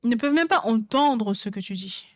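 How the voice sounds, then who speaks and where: A woman's voice: fairly high pitch, lively intonation, a little fast, dry recording. Emphatic woman preacher, dry sound. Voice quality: songwriter speaking of her own songs. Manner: emphatic, repeats phrases for stress. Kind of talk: sermon.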